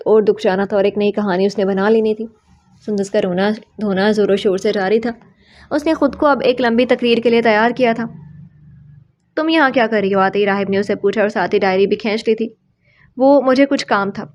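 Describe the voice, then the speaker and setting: A woman narrating a romance novel in a calm, even storytelling voice. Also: mid-range voice. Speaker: audiobook narrator. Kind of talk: reading a romance novel aloud. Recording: slightly muffled recording.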